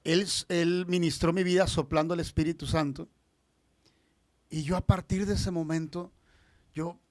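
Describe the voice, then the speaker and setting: A man's voice: a little high, moderate pace, no room sound, studio quality. A male preacher with a Mexican accent and a slight Central American lilt, a podcast guest telling stories in a casual chat, acting out dialogue and using lots of fillers. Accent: Mexican Spanish with a slight Central American lilt. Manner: animated storyteller, acts out dialogue, frequent fillers.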